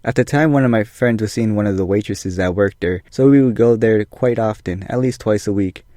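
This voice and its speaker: A man's voice: lowish voice, a little fast, mellow, no echo, studio quality. A man narrating a scripted personal story as a video storyteller.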